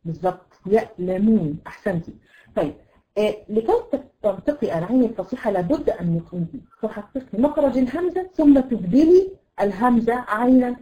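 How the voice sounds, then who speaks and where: An Egyptian woman teaches an online tajweed class. She talks quickly at a middle pitch. Between explanations she says the letter sounds slowly and repeats them for her students. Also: muffled recording. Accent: Egyptian Arabic. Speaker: Quran recitation teacher.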